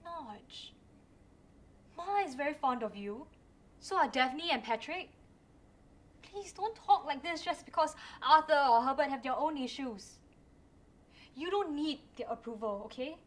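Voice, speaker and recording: An actress playing a calm wife gently placating her husband in a stage play. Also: sits high, unhurried, pauses often. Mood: soothing. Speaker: actor in a student stage play. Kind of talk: stage acting.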